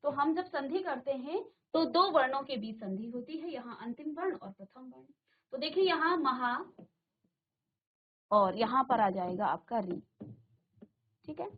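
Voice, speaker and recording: A woman's voice: sits high, animated, unhurried, long pauses, phone-quality sound. A woman teacher giving a classroom grammar lesson, repeating terms and asking the class questions, in a virtual classroom studio.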